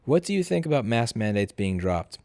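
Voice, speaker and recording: A man's voice: medium pitch, very animated, a little fast, darkish tone, no echo. A drunk man hosting a casual livestream Q&A, reading out viewer messages and answering them in a blunt, profane, argumentative way. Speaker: livestream host.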